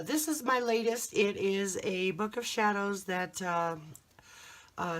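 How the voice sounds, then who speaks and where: A middle-aged or older woman with a croaky, slightly hoarse voice, chatting casually and hesitantly as she shows a handmade craft project. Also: lowish voice, a bit bright. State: throat trouble, slightly hoarse. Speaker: crafter presenting a handmade journal. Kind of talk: casual show-and-tell vlog.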